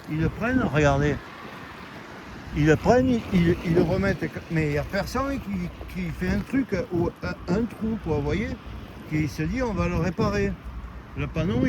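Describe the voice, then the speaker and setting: A man's voice: high voice, animated, a little slow. A man in his late sixties, a retiree ranting to the camera outdoors on a street, stammering and repeating himself as he complains. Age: 60s. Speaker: retiree vlogger. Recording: outdoor street noise behind.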